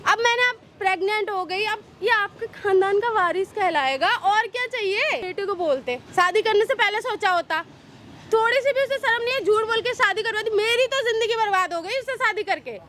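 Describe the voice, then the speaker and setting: A woman's voice: extremely high pitch, moderate pace, sharp tone, slight background noise. A woman playing a brazen, defiant young daughter-in-law who taunts and mocks without shame, in a street skit. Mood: defiant, mocking. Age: young adult. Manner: taunting, mocking, unashamed. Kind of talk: street social skit acting.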